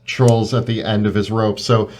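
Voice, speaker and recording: A man's voice: on the low side, little pitch movement, moderate pace, a little mellow. A man playing a tabletop role-playing game, describing his character's actions in a playful way. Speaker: player.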